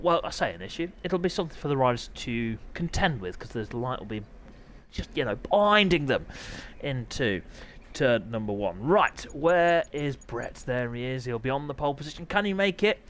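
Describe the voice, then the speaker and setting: A man commentating live online races with an excitable, chatty manner, his throat sore and hoarse. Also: mid-range voice, normal speed, slight background noise. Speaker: sim racing commentator.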